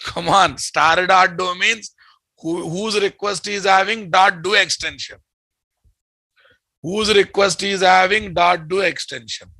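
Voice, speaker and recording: A man's voice: high-pitched, steady tone, takes it slowly, pushed and bright, no echo, poor audio. A man with a Telugu Indian accent teaching a live technical class, bluntly questioning his students and repeating key phrases. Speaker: programming instructor.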